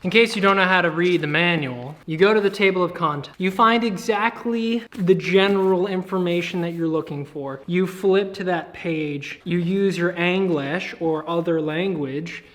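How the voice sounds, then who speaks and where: A man's voice: high voice, normal speed, few pauses, a bit bright. A man co-hosting a casual workshop vlog, joking and laughing often as he works on an engine. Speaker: channel co-host.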